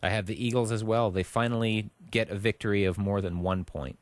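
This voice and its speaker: A man with a low, steady voice co-hosts a casual sports podcast. He talks through his picks with plain confidence. The recording is dry and close. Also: fairly quick, dry recording. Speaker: podcast co-host.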